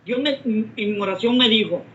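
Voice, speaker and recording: A man's voice: sits high, moderate pace, sharp tone. A man earnestly sharing a personal testimony in a Bible class, speaking to fellow believers. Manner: earnest, addresses listeners as brothers. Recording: muffled lo-fi recording.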